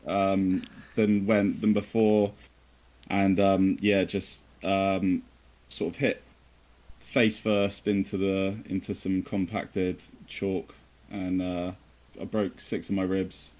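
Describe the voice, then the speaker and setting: A man's voice: low voice, flat delivery, slow pace, a little mellow, low-quality recording. A man with an English West Country accent chatting casually, informal and a little hesitant as he talks about himself. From southwest of England. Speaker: podcast guest. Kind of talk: casual chat.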